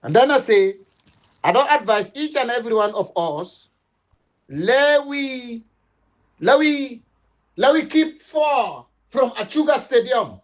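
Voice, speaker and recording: A middle-aged political commentator from Sierra Leone makes an impassioned political appeal, emphatic and repetitive, switching between English and Dutch. His voice is very high-pitched, animated and slow.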